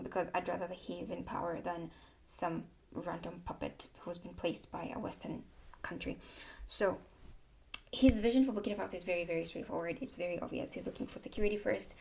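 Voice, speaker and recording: A woman from Tanzania talks through her political views in a casual monologue to camera. English is her second language, and she leans on repeated words for emphasis. Her voice sits low with a gravelly texture. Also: a little mellow. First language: not English. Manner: candid, repeats words for emphasis, self-correcting. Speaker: political commentary vlogger.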